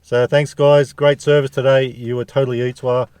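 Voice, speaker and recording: A man's voice: medium pitch, little pitch movement, moderate pace, a little mellow, clean tone, no echo. A man with an Australian accent chatting casually to viewers as a food review vlogger, jokey and full of slang.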